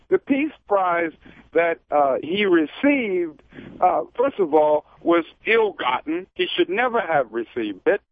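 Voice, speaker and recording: A man's voice: high voice, dry recording. Impassioned man on a tinny phone line. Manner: impassioned, emphatic, indignant. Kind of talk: political talk radio commentary.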